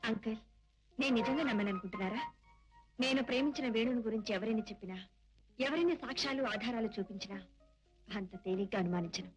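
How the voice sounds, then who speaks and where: A woman's voice: fairly high pitch, quick pace, pauses often, close to an everyday voice. An actress playing an earnest, emotional young woman in a film soundtrack with background music. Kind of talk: dubbed film acting.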